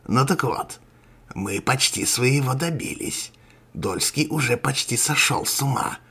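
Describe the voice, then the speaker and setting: A man puts on a crow-masked sorcerer villain for an audio story, his voice thick with gravel and grit. He speaks in a husky rasp, gloating and menacing, taking his time over every threat. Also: medium pitch, lively intonation, a little slow, pushed and bright, exaggerated voice. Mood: gloating menace. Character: sinister male sorcerer villain in a crow mask.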